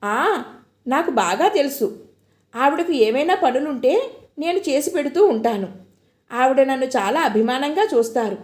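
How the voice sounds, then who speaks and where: A woman voicing a young man who talks in a gentle, steady, reassuring way. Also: high voice, unhurried, pauses often. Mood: explaining. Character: young man, calm, caring friend. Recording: echoey room.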